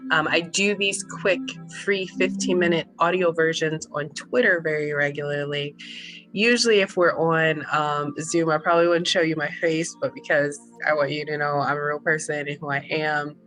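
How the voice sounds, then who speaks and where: A woman working as a holistic business coach, explaining her services and then slowly guiding a breathing and body scan session. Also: low voice. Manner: calm, slow guided breathing instructions. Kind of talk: guided mindfulness session. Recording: faint relaxing music behind. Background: soft relaxing music.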